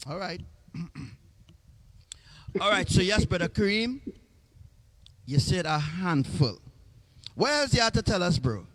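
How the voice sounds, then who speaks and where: A man's voice: high-pitched, big pitch swings, slow pace, pauses often, a bit bright. A man hosting a livestream, chatting casually and joking with lots of repetition. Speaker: livestream host.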